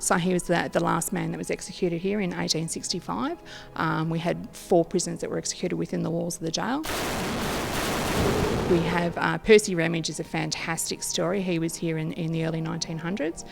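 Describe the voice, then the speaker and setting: Lower-pitched, creaky Australian woman guide. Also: fairly even intonation, a little fast. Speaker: ghost tour guide being interviewed. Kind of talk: informative interview talk about local history. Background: music.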